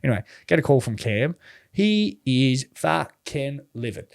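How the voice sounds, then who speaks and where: A man with an Australian accent, a journalist guest telling a story in casual podcast chat, animated and swearing often. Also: mid-range voice, unhurried, vocal fry.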